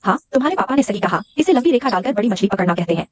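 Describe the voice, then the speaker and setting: An actress dubbing a brisk, knowing village mother who protects her family. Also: medium pitch, animated, breathy edge. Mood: scheming. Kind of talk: Hindi drama dubbing.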